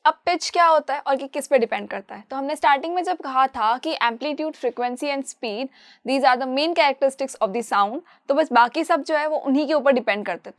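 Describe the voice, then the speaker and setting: A young woman gives an online physics lesson in a high, clear register. She keeps posing questions and answering them herself, dropping in English terms. The recording is dry, close, and free of room echo. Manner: explains in Hindi mixed with English terms, asks and answers her own questions. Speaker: physics teacher. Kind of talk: online class lecture.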